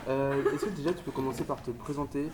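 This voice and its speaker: A man interviewing fellow students in a relaxed, hesitant way. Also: mid-range voice, quick pace, recorded from a distance, poor audio. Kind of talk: casual interview questions. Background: loud chatter of a crowd.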